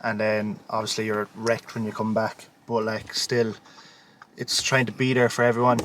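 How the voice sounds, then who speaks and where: A man's voice: on the low side, completely flat delivery, normal speed, fairly bright tone. Man, twenties, laid-back, short answers, faint background noise. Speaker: guest. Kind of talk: casual chat.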